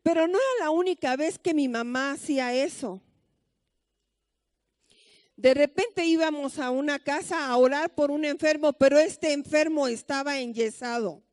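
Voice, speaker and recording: A woman's voice: high-pitched, normal speed, darkish tone, no room sound. A woman pastor with a Mexican accent, giving a conversational sermon full of stories and rhetorical questions.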